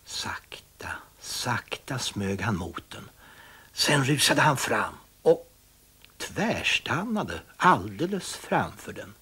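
A man reading a children's story aloud with expressive, dramatic storytelling. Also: medium pitch, breathy edge.

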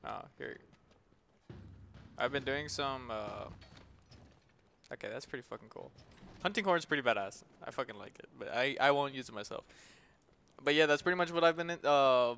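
A young man hosting a gaming video chats loosely over his game at home, rambling, cursing freely, and laughing often to keep things easygoing. His medium-pitched voice is animated and a bit bright, with vocal fry, frequent pauses, and a moderate pace. Game music plays behind him, and there's a little hiss or hum.

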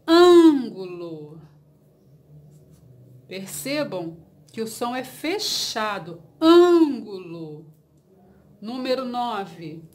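A woman's voice: a little high, expressive, a bit bright. A woman teacher with a Brazilian Portuguese accent, giving a dictation lesson and encouraging advice to her students. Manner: slow, deliberate dictation with repeated words; encouraging, reassuring tone.

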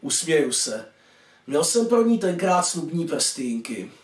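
Animated man reading a story, echoey. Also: fairly high pitch. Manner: expressive, voices each caller. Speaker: author reading his own story. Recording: echoey room, distant mic.

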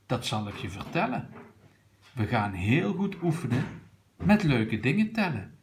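A man reading a picture book aloud, voicing a friendly kindergarten teacher woman who briskly gives the class instructions. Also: medium pitch, very animated, vocal fry, slight background noise. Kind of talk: storybook read aloud to a child.

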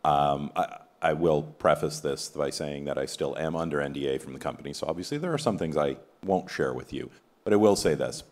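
A middle-aged man with a very low voice talks from a panel table at a conference. He keeps it relaxed and conversational, drawing the crowd in with quick questions. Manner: relaxed, conversational, polls the audience. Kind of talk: conference keynote panel talk. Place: conference hall stage, in front of an audience. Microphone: table mic on a stand.

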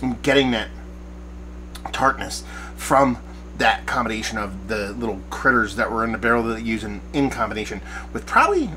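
A man's voice: lowish voice, very animated, normal speed, background noise. Bearded man rambling through a beer review. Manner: rambling, searching for words, enthusiastic. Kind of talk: casual beer review to camera. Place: backyard shed studio at night, small room.

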